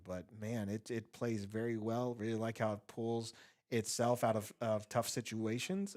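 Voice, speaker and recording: A man co-commentating a card game tournament, explaining play in a relaxed, upbeat way. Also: mid-range voice. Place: empty gaming room at a cafe.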